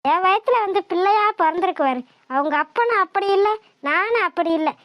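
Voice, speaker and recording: A woman's voice: very high voice, expressive, brisk, fairly bright tone, no room sound. A woman voicing a fretful village mother in a cartoon who scolds her son and soothes her niece. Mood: tender. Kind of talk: cartoon voice acting.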